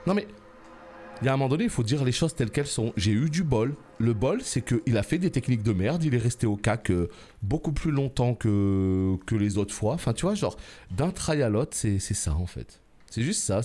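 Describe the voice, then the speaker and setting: A man giving live gameplay commentary, shouting, pleading and joking sarcastically at the boss he fights. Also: medium pitch, moderate pace. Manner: excitable, yells and pleads at the boss; teasing, sarcastic banter. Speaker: gaming YouTuber.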